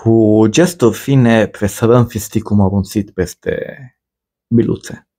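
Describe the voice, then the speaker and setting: A man giving a measured, ornate, scripted voice-over for a cooking video. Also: on the low side, dark tone. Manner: measured, ornate storytelling delivery. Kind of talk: scripted poetic voice-over narration.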